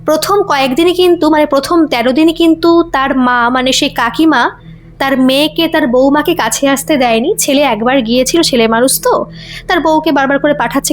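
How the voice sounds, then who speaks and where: A woman narrating a ghost story in a conversational, repetitive retelling style. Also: sits high.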